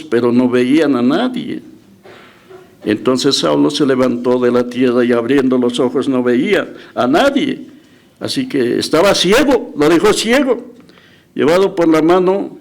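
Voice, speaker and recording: A man's voice: a little high, creaky. A male pastor preaching a sermon, retelling scripture with emphatic rises and dramatic quoted voices, with frequent restarts. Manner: restarts and self-corrections.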